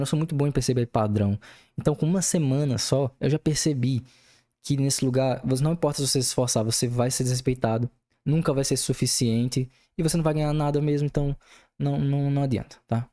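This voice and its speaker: A man's voice: mid-range voice, fast, dark tone. A young man venting angrily, swearing. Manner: angry venting, heavy swearing. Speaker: podcast host. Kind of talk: casual podcast monologue.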